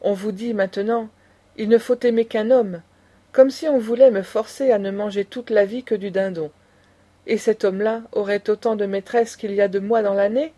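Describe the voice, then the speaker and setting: A woman's voice: medium pitch, steady tone, normal speed, warm tone, natural voice. A woman voicing an indignant aristocratic old grandmother who lectures with passion. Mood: impassioned. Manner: impassioned, lecturing.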